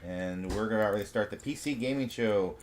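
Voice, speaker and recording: A man's voice: on the low side, a little fast, a little hiss or hum. A man hosting a casual reaction stream, joking and greeting chat viewers. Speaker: host.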